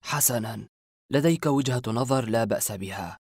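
A man voicing a weary, middle-aged father trapped in a recurring nightmare, speaking softly and a little lower than his own voice. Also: normal speed, husky, no echo, studio quality. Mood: calm.

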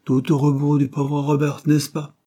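A headstrong, impetuous young woman, merry and quick to ask after everyone, voiced by a man reading a storybook. The voice sits noticeably higher than his own and keeps a dark, slightly husky grain. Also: monotone. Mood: eager. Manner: eager, quick questions. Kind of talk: audiobook character reading.

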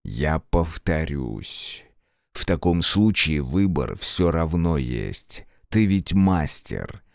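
Man doing a slow, hissing menacing brute. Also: sing-song, vocal fry, a little mellow, no room sound, clean studio sound, heavily acted. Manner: slow, low hissing drawl. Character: menacing clawed man, calm and cruel.

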